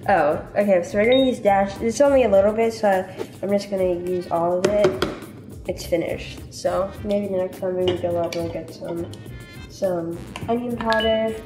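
Cooking in a large home kitchen, a young woman vlogs casually and chats her way through each step with a mid-range voice at a moderate pace. The recording has echo and music behind it, from a handheld camera that's sometimes set down farther away.

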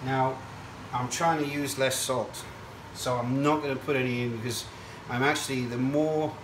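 An echoey kitchen recording, picked up at some distance from the mic, carries a man hosting a cooking show. He has a mid-pitched voice and chats through each step in an explanatory, rambling way. Sizzling and stirring sit behind him. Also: fairly even intonation, moderate pace, background noise. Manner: chatty, explanatory, digressive. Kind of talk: casual cooking demonstration to camera. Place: indoor kitchen at a stove. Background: frying sizzle and stirring.

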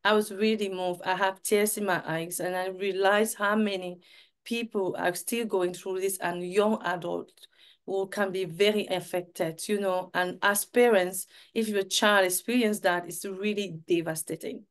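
A woman's voice: mid-range voice, fairly even intonation, measured pace. A woman, hosting an interview over a video call and giving short affirming replies. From Cameroon. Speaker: host. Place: home setup with virtual background.

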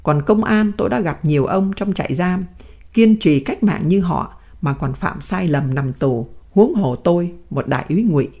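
A woman voicing a dignified old male prisoner who speaks in firm, measured sentences. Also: on the low side, dark tone.

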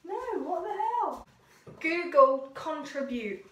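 A woman's voice: high-pitched, animated, slow pace, a bit bright. Playful young woman, echoey kitchen. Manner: playful, bickering, teasing. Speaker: vlogger. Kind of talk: casual chat while cooking. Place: home kitchen, indoors. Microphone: camera on the counter.

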